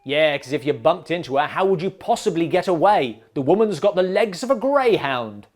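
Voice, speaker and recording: A man with a slightly higher voice hosts a bad-movie review, mocking each scene with dry, sarcastic narration. Faint music plays under his voice. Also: animated, normal speed. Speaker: film reviewer host. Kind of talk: sarcastic comedic film review.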